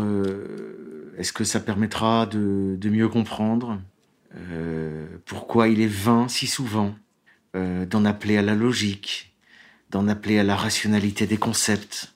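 A man giving a law lecture in French, reading quotations aloud and talking with many fillers and restarts. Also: fairly low pitch. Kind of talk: lecture with read-out quotes.

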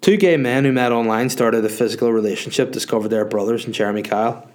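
A podcast host with a head cold sniffles his way through a casual solo show, bluntly answering listener questions while rambling and swearing. His medium-pitched voice is darkish and he talks quickly.

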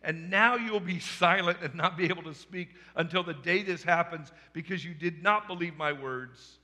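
Preacher guy doing gabriel the angel, big booming announcement, bright forceful tone, long echo of a church hall. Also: moderate pace. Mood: proclaiming. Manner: proclaiming, loud and emphatic. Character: the angel Gabriel, a commanding male messenger.

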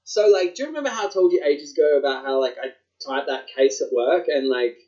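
A man's voice: fairly high pitch, fast talker, a little mellow. A man with an Australian accent chatting casually as a podcast co-host, swearing and using plenty of slang. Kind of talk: casual chat. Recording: dull, lo-fi sound.

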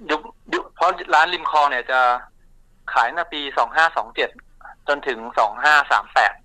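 A man speaking as an interview guest, recounting his family shop's story in a relaxed, chatty way with many fillers and restarts. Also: fairly high pitch, a little fast, no echo, low-quality recording.

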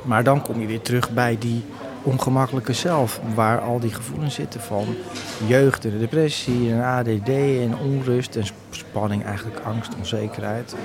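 A man speaking frankly and haltingly as an interview guest. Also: medium pitch. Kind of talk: candid interview talk.

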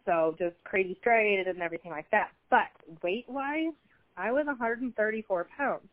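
A woman's voice: medium pitch, normal speed, dry recording. A woman talking as a guest in a casual chat, rambling and chatty, with easy laughs. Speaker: fitness competitor guest. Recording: slightly dull, dry sound.

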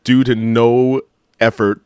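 A man's voice: medium pitch, level tone, slow, a little mellow, clear, resonant tone, dry recording, studio quality. A man with an American accent in a casual sports debate, insistent and contrary, often repeating himself for emphasis.

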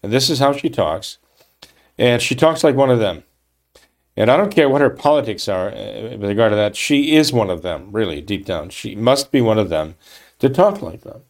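Indignant low-voiced male commentator. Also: animated, normal speed. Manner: emphatic, indignant, with frequent restarts and "okay? right?" tags. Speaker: political commentator. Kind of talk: monologue reading and commenting on a news article.

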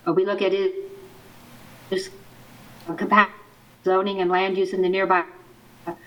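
A woman on staff giving a measured, explanatory planning presentation over a remote video call, and her audio keeps breaking up and cutting out. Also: mid-range voice, level tone, dull audio. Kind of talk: formal presentation at a public meeting. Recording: distant choppy internet call audio.

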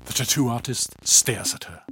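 A man reading a story aloud in calm, even scripted narration, often low and hushed. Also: normal speed, music in the background.

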